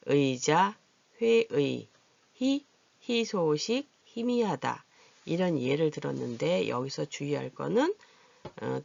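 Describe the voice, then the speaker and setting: Gravelly patient teacher drilling vowels over and over, dry dull recording. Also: mid-range voice, darkish tone, dry recording. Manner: patient, repeats and drills pronunciation aloud. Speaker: adult literacy teacher. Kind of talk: Korean vowel lesson.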